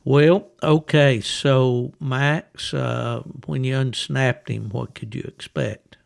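Guy hosting a podcast, talks real slow with lots of gravel, explains stuff and sets the scene. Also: medium pitch, steady tone. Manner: explanatory, scene-setting, unhurried. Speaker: podcast host. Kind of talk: conversational interview.

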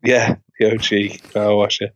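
A man's voice: lowish voice, monotone, moderate pace, no echo. Dry-sounding man bantering on a podcast. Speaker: podcast co-host. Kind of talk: casual bantering chat. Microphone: online call, dry sound.

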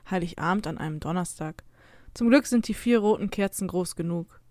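A woman's voice: mid-range voice, a little mellow, dry recording. Woman reading a story, dry close sound. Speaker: narrator. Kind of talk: scripted first-person story reading.

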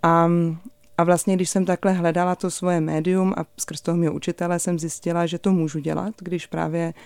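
A young adult woman with a deep, low voice, a voice performer telling her story as a guest in an animated way, with many hesitations. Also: creaky, clear, resonant tone, no room sound. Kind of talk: conversational storytelling.

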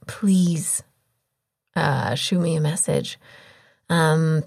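A woman in her thirties hosts a podcast in a relaxed, chatty way, full of little fillers as she talks. Her voice sits a touch low and sounds slightly hoarse, as if she is losing it. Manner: chatty, informal, with frequent filler words. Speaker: podcast host. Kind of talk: casual podcast chat and interview.

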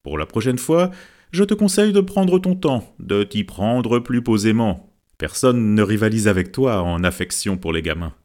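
A man's voice: lowish voice, animated, normal speed, a little mellow, lightly acted. A man reading the lines of a teasing adult man who chides a friend in a wry tone, in an audiobook.

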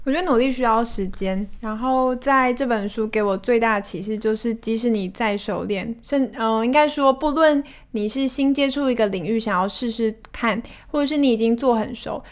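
A woman co-hosting a casual book discussion, speaking in a measured, thoughtful way. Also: a little high. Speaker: podcast co-host.

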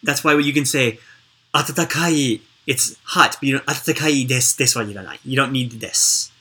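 A woman's voice: rumbling low, quick pace, bright, forceful tone, breathy edge. A woman interviewer chatting casually and encouragingly, explaining things with examples.

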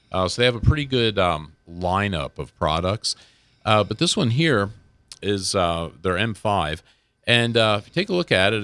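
A man with a very deep voice in a dry, close studio sound. He talks off the cuff like a radio product reviewer, rambling and hesitating as he goes. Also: a bit bright, no echo. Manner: hesitant, rambling, self-correcting. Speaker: radio show gear reviewer. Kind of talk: unscripted product review chat.

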